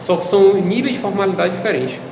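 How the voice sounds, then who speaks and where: Man, high voice, casual language lesson, step-by-step explanations, roomy echo with long reverb. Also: fast, darkish tone, a little hiss or hum. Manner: explains step by step with hesitant fillers. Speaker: Japanese language teacher.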